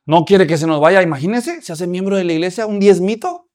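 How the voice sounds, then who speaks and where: A man preaching a sermon at a church conference, animated and acting out scenes with humor. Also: sits high, a little fast.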